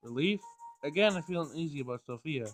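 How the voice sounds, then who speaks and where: Soft music plays under a fast, expressive man with a slightly high voice as he reads game text from a visual novel he's playing. Now and then he stumbles over a word and goes back to reread a line, in typical Let's Play fashion.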